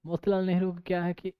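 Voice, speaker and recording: Male coaching teacher with a high voice and a loose, rambling manner, recorded dry. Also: clear, resonant tone, no echo, narrow, tinny audio. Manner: chatty, digressive, mixes in English terms. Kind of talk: casual classroom lecture.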